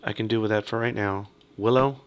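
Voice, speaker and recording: A man casually talking through a strategy game as he plays, half muttering to himself, slightly hoarse from a cough. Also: fairly low pitch, steady tone, a little fast, muffled recording. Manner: muttering to himself while playing. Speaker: gaming video host. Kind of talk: casual let's-play commentary.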